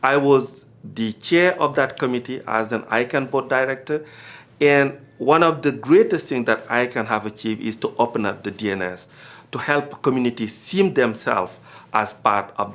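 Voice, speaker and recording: A man's voice: gravelly, a bit bright. Earnest Senegalese man recounting his experience. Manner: earnest, rises in pitch and volume on key points. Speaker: former board director. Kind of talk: recorded personal account.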